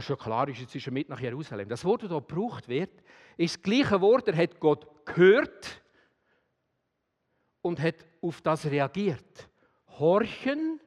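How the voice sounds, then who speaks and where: A man with a Swiss German accent preaching a sermon, swinging between loud emphasis and quiet, intimate address. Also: a little high, long reverb tail.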